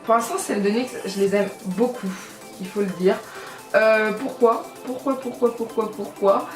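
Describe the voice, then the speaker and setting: A woman's voice: mid-range voice, normal speed, far from the mic. A woman chatting casually through a makeup tutorial, rambling and correcting herself often, with many fillers. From France. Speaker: beauty vlogger. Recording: echoey room, voice a bit off-mic, faint music.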